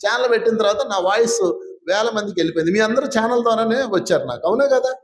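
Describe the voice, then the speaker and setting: High-voiced man teaching a gathering. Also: expressive, quick pace. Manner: conversational, quizzes and teases listeners. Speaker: spiritual teacher. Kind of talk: informal talk to a live gathering. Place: gathering hall with an audience. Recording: roomy, echoing hall sound.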